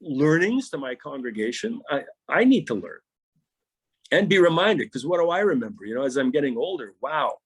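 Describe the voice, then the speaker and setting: A man's voice: a little high, big pitch swings, normal speed, breathy edge. A middle-aged pastor in a podcast interview, telling stories animatedly and often repeating words as he starts a thought.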